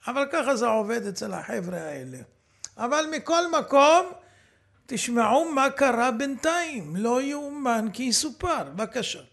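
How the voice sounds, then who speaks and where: A man lecturing as a rabbi, indignantly commenting on a recording he stops and replays, at times shouting. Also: extremely high pitch, lively intonation, vocal fry. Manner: fiery, indignant, rising to shouts.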